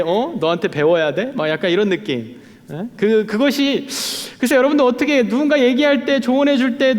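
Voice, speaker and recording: A man in his late thirties preaches to young adults in a loose, chatty way, stopping and restarting often and poking fun at himself. His voice sits high for a man, and a long reverb trails behind him in a church hall. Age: late 30s. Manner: chatty and self-deprecating, many fillers and restarts. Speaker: youth pastor. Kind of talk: conversational sermon. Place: church sanctuary.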